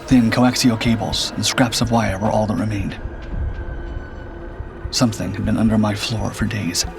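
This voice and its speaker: Background music plays distinctly as a man narrates a scripted horror tale in the first person, grave and measured. His voice is low and gravelly with fry, its intonation staying very flat.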